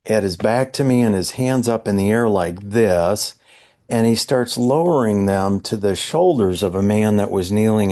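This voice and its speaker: A man, a psychologist guest on a podcast, earnestly recounting a personal spiritual experience, often halting and searching for words. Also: fairly low pitch, dark tone.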